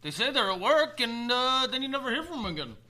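Very bright-voiced Boston man, animated pitch. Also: quick pace. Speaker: podcast co-host. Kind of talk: casual comic banter.

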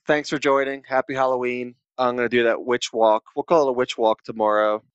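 A relaxed co-host chats plainly on a podcast, blunt and offhand with a casual swear here and there. The voice sits at a middling pitch and sounds dry and close-miked. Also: brisk, clean tone, no room sound, highs cut off. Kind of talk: casual chat.

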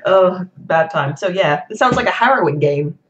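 A woman co-hosting a stream with bubbly, quick reactions in casual chat. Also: fairly low pitch, animated, roomy sound, muffled recording. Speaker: stream co-host.

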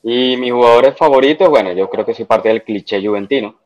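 A man speaking as a podcast guest in casual chat, relaxed and repeating words as he starts. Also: mid-range voice, brisk, muffled recording.

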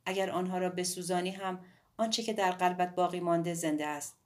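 A woman voicing a quiet, sincere young man in an audiobook, speaking softly and in a subdued way. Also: fairly low pitch, flat delivery, close to an everyday voice. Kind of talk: audiobook dialogue.

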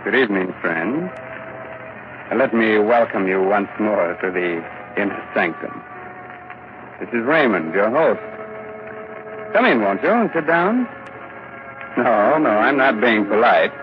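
A man's voice: fairly low pitch, animated, unhurried, long pauses. A man playing a sinister, mock-polite horror-show host in a 1940s radio drama, heard over a tinny old broadcast with faint hiss. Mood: menacing, teasing. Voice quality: theatrical, mock-polite and gloating.

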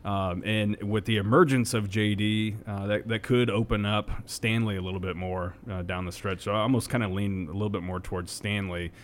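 Halting, low-voiced sports talk man. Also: fairly even intonation, slight background noise. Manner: halting, many fillers and restarts. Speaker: co-host.

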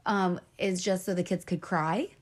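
A woman's voice: fairly low pitch, fairly even intonation, moderate pace. A woman in her thirties co-hosting a podcast, telling candid stories in casual chat. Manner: chatty, candid storytelling with fillers. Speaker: podcast co-host.

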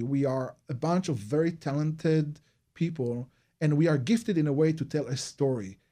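Speaking with a slightly high but dark-toned voice, this Israeli-accented man explains his work in a radio interview. He runs an advertising and PR agency and comes across as sincere and explanatory, phrasing things like a non-native speaker.

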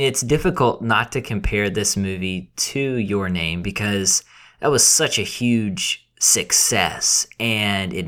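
A man co-hosting a film review podcast, chatting conversationally with some quick bursts. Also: lowish voice, a bit bright. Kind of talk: casual podcast chat.

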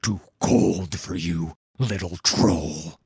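Storybook troll king, huge and brutish, rumbling gravel voice, slow broken speech, played by a male narrator. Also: a little mellow, no echo, clean studio sound, full character voice. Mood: gruff.

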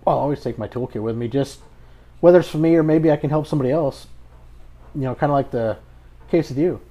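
Mellow, folksy American man hosting. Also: medium pitch, fast. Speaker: podcast host. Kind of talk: casual motorcycle podcast chat.

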